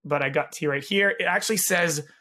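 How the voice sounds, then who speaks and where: Male podcast host, slightly high register, raspy and hoarse with a gravelly edge, chatting casually as interviewer. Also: brisk, bright, forceful tone. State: hoarse from laryngitis. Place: home guest bedroom or office.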